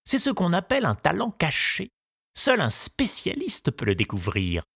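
A man voicing a kindly, wise old male gardener in an audiobook, musing slowly and confidingly. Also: a little high, wildly swooping pitch, vocal fry, fairly bright tone, breathy edge, no room sound, clean studio sound, voice pushed up, full character voice. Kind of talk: audiobook character reading.

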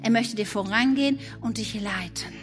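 A woman preaching a sermon, moving between animated questions and hushed, soft-spoken passages. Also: on the high side, moderate pace, faint music behind.

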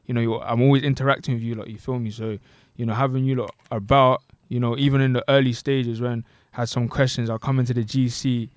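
A man's voice: medium pitch, little pitch movement, fast talker, few pauses, no echo. A young man with a London roadman accent, chatting casually and slangily as a podcast co-host. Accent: London, multicultural urban slang. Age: young adult. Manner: London roadman-style slang, frequent tag questions. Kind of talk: casual chat.

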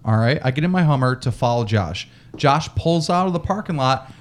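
A man's voice: mid-range voice, expressive, fairly quick, slight background noise. A young man hosting a podcast. He prompts and recaps the story in blunt, profane, casual talk. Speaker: podcast host. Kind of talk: casual chat.

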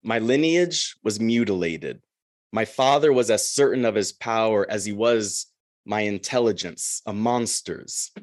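A man voicing a lonely, brooding male minotaur in a slow, measured poetry reading. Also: fairly low pitch, no echo, studio quality, pitched above the performer's own voice, close to an everyday voice.

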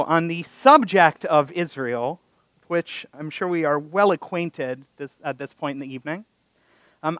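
A rabbi with a North American accent delivers a conversational, story-driven sermon at a live synagogue service, full of wry, self-deprecating humour. His voice is high-pitched, pushed and bright, with no room sound.

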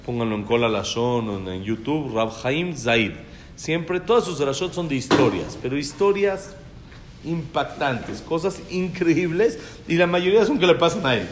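A man telling a story to a class, animated and acting out the dialogue. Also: medium pitch, slight background noise.

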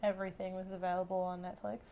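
A woman's voice: fairly low pitch, flat delivery, fast talker, narrow, tinny audio, slight background noise. A woman co-hosting a podcast, chatting casually with skeptical, wry reactions. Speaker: podcast co-host. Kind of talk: casual chat. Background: faint rain.

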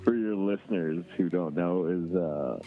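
Deep-voiced male caller over the phone. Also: unhurried. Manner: rambling, lots of fillers and restarts. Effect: heard over a phone line. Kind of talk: casual call-in storytelling. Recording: tinny phone line with faint music.

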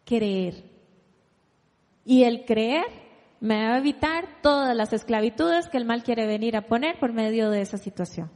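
A woman's voice: a little high, expressive, measured pace, a little mellow, long reverb tail. A woman preacher giving a sermon, reading scripture aloud and posing rhetorical questions to her listeners. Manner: asks rhetorical questions and invites the audience to read along.

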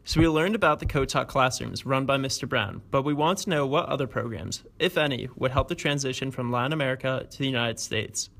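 Student reporter, teenage boy: earnest scripted read, a bit of fry. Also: mid-range voice, fairly quick, hardly any pauses, a bit bright. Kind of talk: scripted narration.

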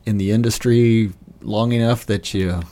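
Man, fairly low voice, podcast host, friendly, encouraging interviewer. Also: steady tone, moderate pace, mellow. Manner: friendly, encouraging, frequent affirmations. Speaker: insurance agent, podcast host.

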